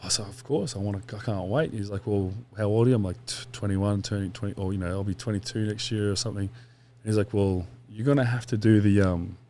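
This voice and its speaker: A man's voice: lowish voice, steady tone, brisk, mellow, slight background noise. A man, a podcast guest telling long stories in a casual, rambling way with quoted asides and swearing. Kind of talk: casual interview chat.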